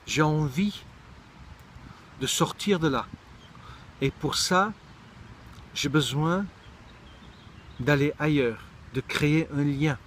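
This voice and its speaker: A man's voice: fairly high pitch, slow, pauses often, a bit bright, a little hiss or hum. A middle-aged man from Israel giving a reflective monologue, thoughtful and searching for words, often restarting his sentences. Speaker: speaker sharing personal reflections.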